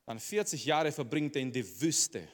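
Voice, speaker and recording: A man preaches with emphasis, driving his points home through repetition and rhetorical questions to the audience. His voice sits a little higher than most men's. A long reverb trails each phrase, as if he is speaking in a large hall. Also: moderate pace. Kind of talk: sermon.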